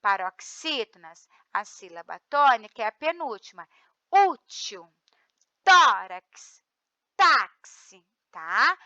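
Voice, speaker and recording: A Brazilian woman teacher explaining grammar rules. She stresses syllables slowly and checks in with her students often. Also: fairly high pitch, very animated, sharp tone, no room sound, lo-fi sound. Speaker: Portuguese teacher. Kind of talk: grammar review lesson.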